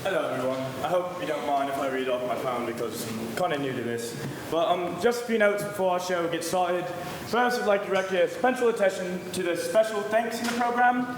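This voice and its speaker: In a big reverberant hall with faint noise, a man plays a polite, hesitant pre-show announcer reads out notices to the house. The voice is high for a man and sounds like an amateur working from notes. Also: close to an everyday voice.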